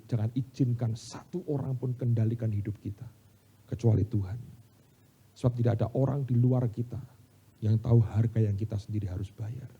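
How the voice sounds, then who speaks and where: A middle-aged man with an Indonesian accent preaching from the pulpit, swinging between loud bursts and quiet asides as he tells stories to his congregation. His voice is dark and a little husky. The recording sounds somewhat dull and lo-fi. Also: on the low side. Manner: animated storytelling, addresses congregation as "saudara". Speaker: pastor. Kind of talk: sermon. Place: church sanctuary.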